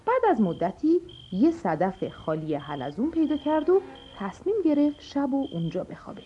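A woman narrating a children's storybook, expressive and addressing the kids. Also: fairly high pitch. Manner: animated, expressive. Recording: dull lo-fi audio with music.

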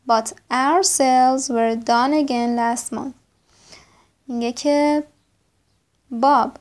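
A woman teaching English vocabulary, reading example sentences slowly and spelling words out letter by letter, then explaining quickly. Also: a little high, a little mellow. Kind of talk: vocabulary lesson.

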